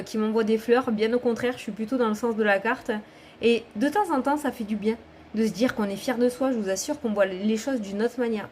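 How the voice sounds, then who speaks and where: A woman's voice: fairly high pitch, a little hiss or hum. A woman doing a casual tarot reading to camera, talking in a chatty, encouraging way and often checking in with the viewer. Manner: encouraging, motivational. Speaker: tarot card reader.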